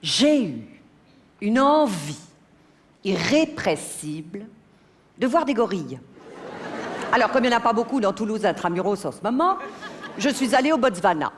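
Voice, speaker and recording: A woman's voice: fairly high pitch, lively intonation, fast talker, pauses often. A woman performing a theatrical stand-up monologue on stage, flustered and stammering, turning biting and sarcastic. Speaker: stand-up comedian. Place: theater stage before a live audience.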